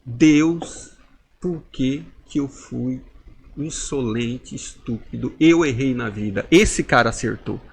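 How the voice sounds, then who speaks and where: A man's voice: medium pitch, takes it slowly, vocal fry, husky. A man in his forties giving an emotional personal testimony as a podcast guest, acting out inner dialogues with intensity. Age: 40s.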